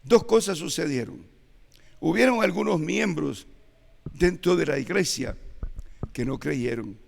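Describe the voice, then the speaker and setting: Gravelly eighty-year-old preacher. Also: male voice, fairly high pitch, expressive. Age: 80s. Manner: slow, measured preaching with emphatic rises. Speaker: church elder preaching. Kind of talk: sermon. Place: church sanctuary. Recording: long hall reverb in church.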